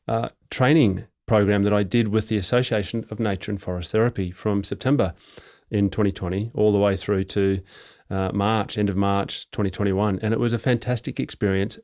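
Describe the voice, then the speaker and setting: Man, middle-aged, podcast host, low-pitched, loose chatty restarts. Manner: relaxed, repeats words and restarts. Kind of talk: conversational interview.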